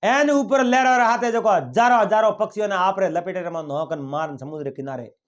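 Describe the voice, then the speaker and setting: A man with a Marwari accent telling an animated folk tale, lifting his voice for the characters. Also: high-pitched, fairly quick, dull audio. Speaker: folk storyteller. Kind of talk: oral folk tale narration.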